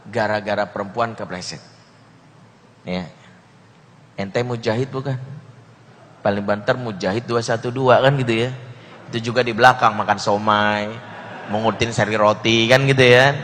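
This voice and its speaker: A man preaching a storytelling sermon, animated and dropping slangy jokes between tales. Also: on the low side, a little hiss or hum. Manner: animated, joking asides in slang. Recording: reverberant hall.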